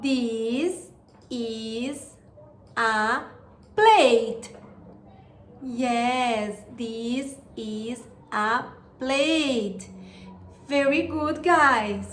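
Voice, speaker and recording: High-pitched woman narrating a language lesson. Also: very slow, fairly bright tone. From Brazil. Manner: encouraging, addressing pupils with praise and simple questions. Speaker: English teacher for young children. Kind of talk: language lesson narration with slow repeat-after-me words. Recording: roomy echo, faint background noise.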